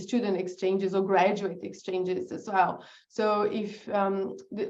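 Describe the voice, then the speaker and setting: A woman's voice: mid-range voice, muffled recording. A woman from Brazil with a Brazilian Portuguese accent, a guest in a casual interview who laughs often and sometimes searches for words. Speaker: guest, business founder.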